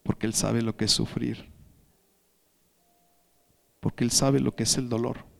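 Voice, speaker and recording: A male pastor delivering a sermon in a mid-range voice. He draws the congregation in with questions. His delivery swings between near-whispered tenderness and loud, shouted declarations. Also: mid-range voice, little pitch movement, unhurried, vocal fry.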